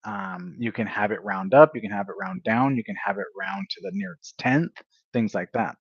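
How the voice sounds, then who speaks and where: A man livestreaming a casual coding study session, thinking aloud, correcting himself and filling pauses as he works through examples. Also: mid-range voice, very animated, vocal fry, breathy edge, no echo, muffled recording. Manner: unhurried, thinks aloud, self-correcting with fillers.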